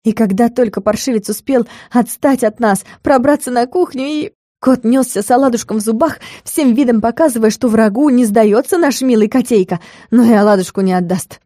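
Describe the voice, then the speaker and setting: A woman narrates a fantasy audiobook with a lively storytelling manner, ready to slip into character voices. Her tone is mellow and warm rather than bright. The recording is close and dry, with no room sound. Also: on the high side, brisk, dry recording. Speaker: audiobook reader.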